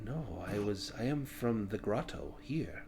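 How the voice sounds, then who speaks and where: A man voicing a servile, sly goblinoid slave from a cave, halting and deferential in a tabletop game. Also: on the low side, sing-song, a little mellow. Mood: meek, evasive.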